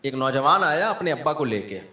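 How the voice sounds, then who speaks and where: A man with a Pakistani Urdu accent, a religious scholar telling humorous anecdotes in a lively way and acting out the people in them. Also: mid-range voice, a little fast, roomy sound. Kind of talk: humorous storytelling talk.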